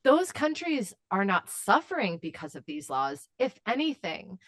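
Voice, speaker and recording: A woman's voice: medium pitch, big pitch swings, measured pace, no echo. Woman guest talking passionately, lots of uhs and restarts, dry close mic, mid voice. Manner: impassioned, with frequent fillers and restarts. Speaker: advocacy guest. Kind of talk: earnest interview answer.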